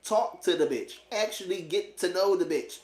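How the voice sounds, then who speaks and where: In an echoey, roomy recording, a vlogger in his late twenties gives blunt, slangy, profane dating opinions. His voice sits high with a darkish tone at normal speed, and he casually repeats phrases for emphasis.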